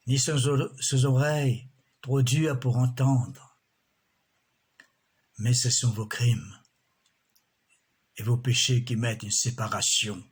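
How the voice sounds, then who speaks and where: A man preaching a sermon in a slow, measured way, often breaking in with alleluias. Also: mid-range voice, darkish tone, breathy edge.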